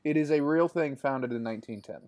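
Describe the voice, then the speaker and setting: A man co-hosting a podcast, casually retelling sitcom scenes in a relaxed way. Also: mid-range voice, a little fast, no echo. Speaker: podcast co-host. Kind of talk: casual chat recapping a sitcom episode.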